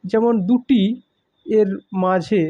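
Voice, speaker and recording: A man teaching a grammar lesson, explaining slowly with examples and stressing key words. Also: sits high, fairly even intonation, dark tone. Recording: muffled lo-fi recording.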